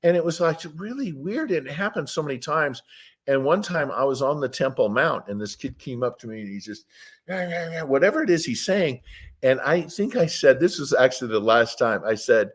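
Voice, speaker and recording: A man's voice: medium pitch, animated, fairly quick, husky. A man talking as an interview guest, telling rambling stories in a plainspoken, opinionated way and wandering off the subject. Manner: rambling, digressive storytelling. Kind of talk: casual conversational interview.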